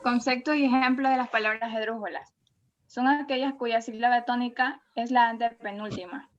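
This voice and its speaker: Woman reading a class presentation, lo-fi. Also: fairly high pitch. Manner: careful, even reading of a script. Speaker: student presenter. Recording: dull lo-fi audio.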